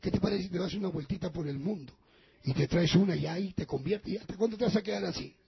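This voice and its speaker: A male preacher voicing the devil as a sly tempter, hushed and quick with needling questions, with a very husky, gravelly voice. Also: high-pitched, no echo, highs cut off, pitched below the performer's own voice, heavily acted. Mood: coaxing.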